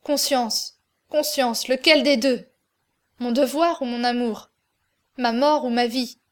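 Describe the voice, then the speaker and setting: A woman's voice: fairly high pitch, takes it slowly. A woman reading an anguished man torn by love. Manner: pleading, distraught, questioning. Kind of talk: audiobook reading.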